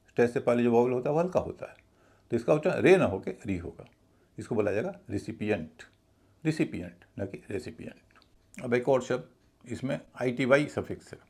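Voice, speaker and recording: A man giving a slow, deliberate pronunciation lesson, spelling words out letter by letter. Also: mid-range voice, gravelly, darkish tone, breathy edge. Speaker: English pronunciation teacher. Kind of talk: scripted lesson narration.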